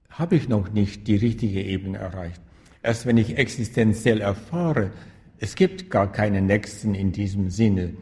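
A spiritual teacher and author answers interview questions calmly but emphatically, repeating key phrases for stress. His voice is lowish, and the sound suggests a big room.

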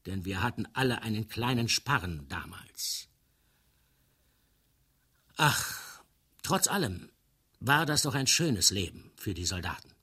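A man's voice: fairly low pitch, bright, forceful tone, breathy edge. A man narrating a literary story aloud in a playful, ornate storytelling manner. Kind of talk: dramatic literary reading.

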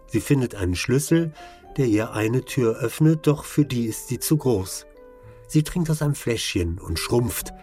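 A man narrating a scripted documentary in a measured, even way. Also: medium pitch, faint music behind.

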